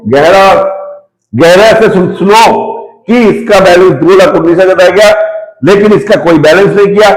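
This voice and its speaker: A man teaching an accountancy lesson to students, speaking directly to them, repeating figures slowly and mixing English accounting terms into his talk. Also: high voice, roomy sound, low-quality recording. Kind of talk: informal classroom-style lesson.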